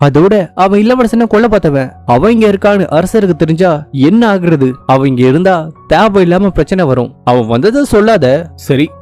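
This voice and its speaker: High-voiced male drama recap storyteller. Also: normal speed, soft background music. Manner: lively, reads out all the dialogue himself.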